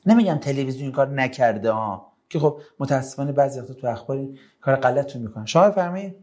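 A man's voice: medium pitch, animated, darkish tone. A man giving a religious lecture to an audience. He talks animatedly, fires off rhetorical questions and answers listeners' questions.

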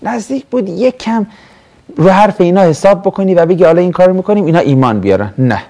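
A man's voice: high voice, animated, dark tone. A man from Mashhad teaching a classroom lesson on Quran verses, chatty and joking, often asking his students questions. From Mashhad, Iran. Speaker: religious studies teacher.

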